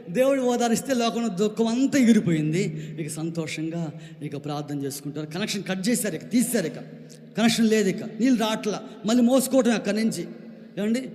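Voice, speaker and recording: High mellow pastor guy preaching, keeps asking the crowd questions, long hall echo. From Andhra Pradesh, India. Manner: calls out questions to the congregation; builds to shouted preaching. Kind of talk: sermon testimony.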